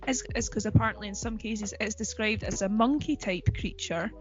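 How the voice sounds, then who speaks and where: A woman's voice: mid-range voice, a little fast, muffled recording, soft background music. A woman co-hosting a podcast in casual chat, talking in a chatty, giggly way with lots of fillers. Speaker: podcast co-host.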